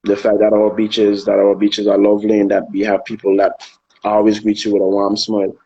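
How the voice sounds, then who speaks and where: A man from Anguilla, a soca artist chatting casually in an interview, relaxed and hesitant, often repeating words while he thinks. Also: on the low side, fairly quick, slightly rough, highs cut off. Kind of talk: casual interview over a live video call. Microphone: phone on a live video stream.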